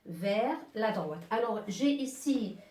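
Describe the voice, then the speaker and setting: Slow, patient woman teaching French. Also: mid-range voice, expressive, darkish tone, roomy sound, slight background noise. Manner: slow, patient, repeats words and checks with "d'accord?". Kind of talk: beginner French lesson.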